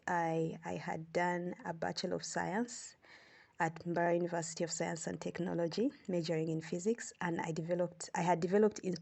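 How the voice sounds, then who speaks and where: A woman from Uganda, an astronomer, telling her story as a podcast guest in an unhurried, easygoing way. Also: fairly low pitch, creaky, darkish tone. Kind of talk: podcast interview.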